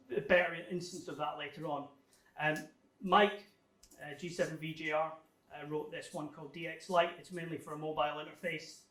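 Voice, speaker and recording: An amateur radio club's guest speaker, a man with a fairly bright, higher-pitched voice, gives an informal technical slide talk to an audience indoors. He explains things conversationally and with some hesitation. The room is echoey and the microphone sits far away.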